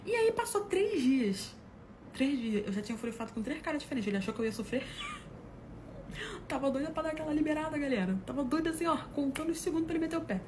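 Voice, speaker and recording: Over a noisy background, a woman from Brazil speaks fast in a high voice. She animatedly shares funny personal stories in a casual way, acting out quotes and laughing at her own tales.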